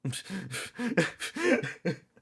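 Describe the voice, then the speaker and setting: A man streams live from home. He tells a story in a rambling, foul-mouthed way, mocks himself, and keeps restarting his sentences. His voice sits a little higher than most men's. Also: huge pitch swings, drawn-out words, a bit bright, slightly rough. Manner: rambling, profane, self-mocking, with frequent restarts. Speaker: livestreamer. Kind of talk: casual storytelling on a livestream.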